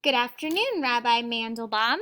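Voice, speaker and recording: On the high side, a woman's voice reads a story for children, teacher-fashion. She's deliberate and full of expression, and she talks to her young listeners in little asides.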